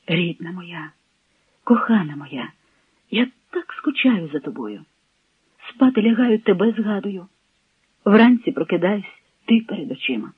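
A man's voice: high-pitched, animated, normal speed, slightly rough, dry recording, phone-quality sound, exaggerated voice. A man voicing a brave young peasant man, earnest and tender.

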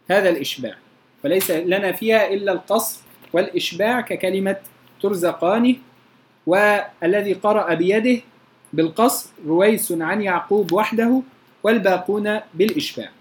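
A teacher with an Egyptian Arabic accent gives a lesson on recitation rules. The teacher slowly intones verse examples and keeps checking that the class follows. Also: mid-range voice, a little hiss or hum. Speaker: teacher of Quranic readings.

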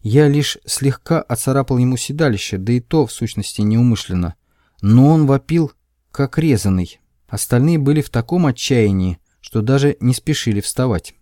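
A man's voice: medium pitch, moderate pace, no room sound, studio quality. Wry male audiobook narrator. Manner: wry, expressive first-person reading. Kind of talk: audiobook narration of a comic sci-fi story.

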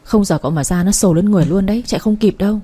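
A woman's voice: mid-range voice, very fast, mellow, slightly rough, close to an everyday voice. A woman reading a fretful, earnest young man. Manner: fretful, pleading.

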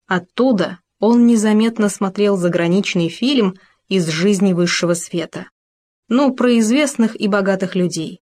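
A woman's voice: mid-range voice, unhurried, darkish tone. A woman narrating a children's animal story in a wry, playful way.

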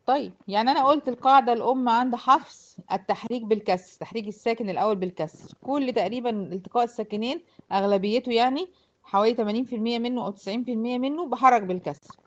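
Speaking very fast in a slightly high voice, a female Quran recitation teacher with an Egyptian accent explains a lesson to a class of girls. She goes step by step, regularly making sure her students keep up, and the audio is lo-fi.

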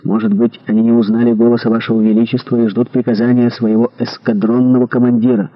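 A man voicing a calm, noble musketeer who speaks in a measured way. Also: medium pitch, in a large hall, muffled recording, natural voice.

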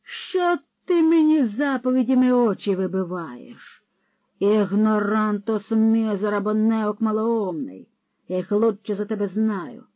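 A narrator voicing a pompous male horse thief who lectures loudly and scatters Latin words, on a dull, dry recording. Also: mid-range voice, animated, measured pace, no room sound, pitched above the performer's own voice, lightly acted. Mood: scolding. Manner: lecturing, scolding, loud.

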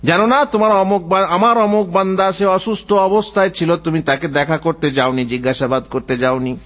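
A male Islamic preacher giving a sermon in an animated storytelling way, quoting Arabic and then explaining it. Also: high-pitched, a little fast. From Bengal. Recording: dull lo-fi audio.

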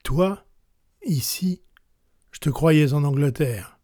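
A man's voice: mid-range voice, steady tone, measured pace, a little mellow, no echo, studio quality, lightly acted. A man reading the lines of a young, rich, dashing male general from a storybook in an earnest, exclaiming way.

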